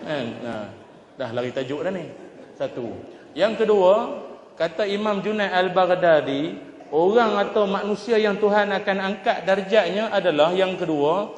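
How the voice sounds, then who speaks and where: A male preacher delivers a joking, animated sermon in a fairly high voice, slipping into the voices of the people in his stories. He is recorded in a large mosque hall, and his words ring out with a roomy, long reverb. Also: measured pace. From Kedah, Malaysia. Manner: jokey, animated, acts out characters. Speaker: religious preacher.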